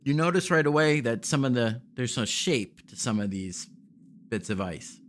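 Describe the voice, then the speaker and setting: A man narrating a tabletop game as game master, halting and often correcting himself as he describes things. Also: mid-range voice, lively intonation. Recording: faint background noise.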